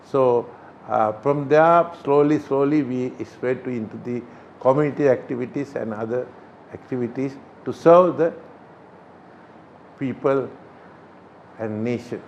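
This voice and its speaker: An older man from Sri Lanka, a Buddhist chief priest, answering interview questions in a halting way with many pauses. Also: mid-range voice, a little mellow, a little hiss or hum. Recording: slightly dull recording.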